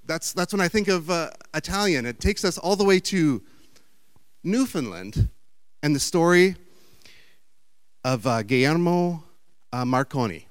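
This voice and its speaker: A man's voice: on the high side, expressive, a little slow, pauses often, clear, resonant tone, no echo. A man giving a chatty, meandering storytelling talk with slides.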